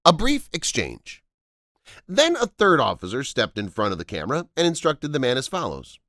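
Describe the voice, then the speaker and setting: Animated male narrator, dry close sound. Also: medium pitch, normal speed, dry recording. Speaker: narrator of a viral-story video channel. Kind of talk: scripted narration.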